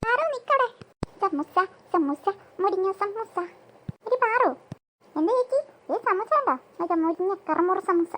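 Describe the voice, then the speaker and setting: A woman's voice: very high-pitched, lively intonation, measured pace, fairly bright tone, slight background noise. A performer voicing every role in a family cartoon, switching voices between two sisters, their mother and a friend. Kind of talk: cartoon voice acting.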